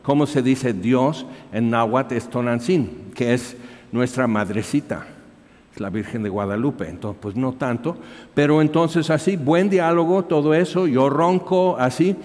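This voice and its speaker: A man's voice: medium pitch, unhurried, darkish tone. A man, preaching as a missionary and animatedly telling a story from his work. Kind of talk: storytelling sermon. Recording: reverberant hall.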